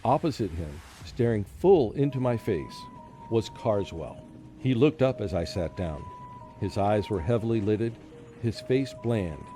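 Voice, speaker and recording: Over prominent music, a man narrates a radio drama in the first person as its lead, a haunted professor under a deadly curse who is tormented and fearful. His low voice is animated and unhurried with a dark tone. The mood is tense suspense.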